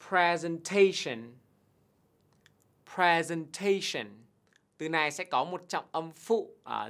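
A man teaching a televised English test lesson, explaining answers patiently and slowly repeating English words for students to copy. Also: a little high, pushed and bright. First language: Vietnamese. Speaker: TOEIC teacher.

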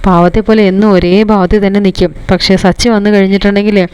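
A woman's voice: medium pitch, level tone, quick pace, a little mellow, clean tone, lightly acted. A woman voicing a stern, domineering middle-aged mother-in-law who scolds and boasts about her son. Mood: scolding.

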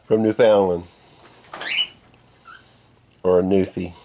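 A man's voice: low-pitched, fairly even intonation, slow pace, noisy background. A man casually narrating a coin ring how-to, chatting and apologizing as he works. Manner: chatty, apologetic asides while working. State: eating candy. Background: birds and workshop clatter.

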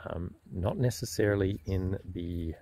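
A middle-aged Australian man casually explaining things in a vlog, measured and thoughtful, with frequent ums and restarts. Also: low voice, warm tone, no echo. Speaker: smallholder vlogger.

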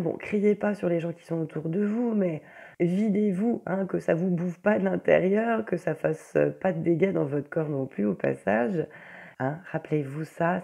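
A woman's voice: on the low side, vocal fry, warm tone, breathy edge. A woman giving a chatty tarot reading to her viewers, full of fillers and asides. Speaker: tarot reader. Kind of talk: casual tarot reading to camera.

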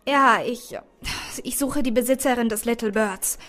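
A woman's voice: sits high, fairly quick, a bit bright. A woman reading a shy, stammering man. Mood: shy awkward. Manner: hesitant and stammering. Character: shy, awkward bearded man, embarrassed and polite.

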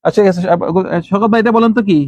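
A man teaching Arabic letters to a class, calling on students by name and repeating letter sounds slowly. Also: sits high, dry recording.

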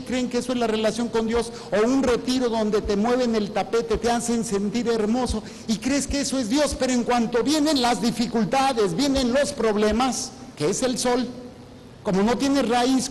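Teasing high-voiced priest. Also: male voice, steady tone, normal speed, a little mellow, a little hiss or hum. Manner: teasing, asks the congregation questions and answers them himself. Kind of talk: sermon. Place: church. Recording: long church reverb.

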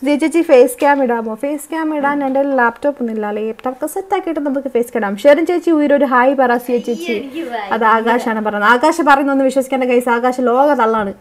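A woman's voice: sits high, fast. A young woman, chatting and teasing as she streams a game for her viewers. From Kerala. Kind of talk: live gameplay stream chat.

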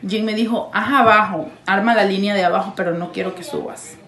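A woman's voice: mid-range voice, steady tone, brisk, fairly bright tone, reverberant. A woman telling a story in casual chat, acting out what people said and laughing often. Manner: acts out quoted lines, laughing often. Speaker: fiancée telling her story.

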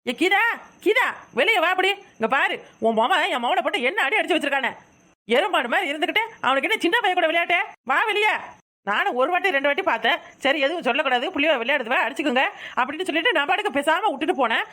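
A hot-tempered village mother from a cartoon, voiced by a woman, with a Kanyakumari Tamil accent. She scolds in a high, bright voice at a quick clip, loud and quarrelsome. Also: lively intonation, no room sound, studio quality. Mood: shouting. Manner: shouting, scolding. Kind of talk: cartoon voice acting.

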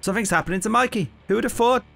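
A man's voice: high voice, racing, creaky, a bit bright, soft background music. A young man giving sarcastic, exasperated, sweary commentary as a video game reviewer.

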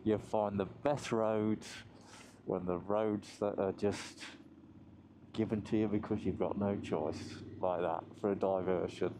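Unhurried biker chatting over engine noise. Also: male voice, on the low side. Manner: chatty, laughs a lot, swears casually. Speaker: motorcycle vlogger. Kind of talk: casual ride commentary. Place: riding a motorbike outdoors on mountain roads.

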